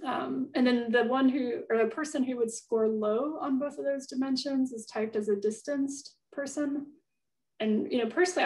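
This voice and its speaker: A woman's voice: fairly high pitch, darkish tone, far from the mic, rough recording. A woman speaking as a guest expert, answering audience questions in a thoughtful, hedging way with many fillers, over a video call. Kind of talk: conversational Q&A answers.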